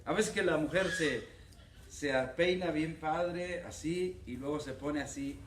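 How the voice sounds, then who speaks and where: A man's voice: fairly high pitch, measured pace, a little hiss or hum. A man with a Mexican accent preaching a humorous sermon as pastor, joking and acting out little dialogues. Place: church hall. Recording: echoey church hall from far off, crowd laughing. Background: congregation laughing.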